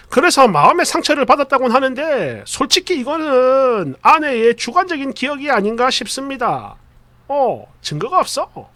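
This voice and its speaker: A man's voice: very high voice, a bit bright, no room sound. A man hosting a channel, reading an online post aloud and dropping wry asides. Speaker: host reading viewer stories.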